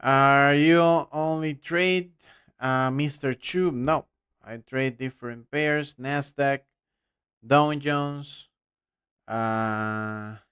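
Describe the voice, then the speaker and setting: A man's voice: medium pitch, extremely slow, a bit bright, clear, resonant tone. A young man from Costa Rica with a Costa Rican accent, hosting a live trading stream in his second language and answering viewer questions bluntly, his voice trailing off at the ends of phrases. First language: Spanish. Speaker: trading livestream host.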